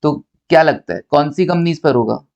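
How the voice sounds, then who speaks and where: A man's voice: a little high, moderate pace, vocal fry, a little mellow, muffled recording. A man from India giving a recorded accountancy lecture, teasing his students playfully and asking and answering his own questions.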